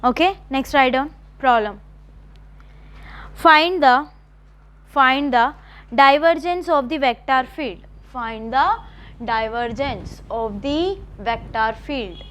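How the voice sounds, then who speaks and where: A woman college math lecturer, dictating notes slowly and repeating phrases, often checking with the class. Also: sits high, fairly bright tone. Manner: repetitive, slow dictation with checking questions.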